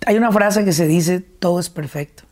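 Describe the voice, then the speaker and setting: Reflective low-voiced Mexican woman host. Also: moderate pace, a little mellow. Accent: Mexican Spanish. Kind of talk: conversational interview and personal story.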